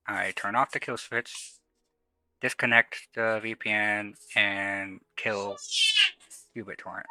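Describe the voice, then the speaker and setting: Bright, sharp-voiced man with a lisp. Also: lowish voice, dry recording, rough recording. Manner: rambling, casual, swears freely. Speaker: streamer. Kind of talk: casual tech talk on stream. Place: home. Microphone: new desk microphone. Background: faint music.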